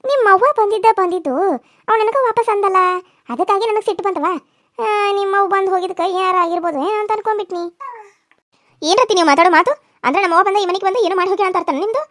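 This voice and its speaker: A young village daughter-in-law in a cartoon, high and squeaky, argues and pleads at a fast clip, as a woman voices her. The sound is close and dry. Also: fairly bright tone, no echo. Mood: protesting. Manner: argumentative, pleading, quick protesting. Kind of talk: cartoon serial voice acting.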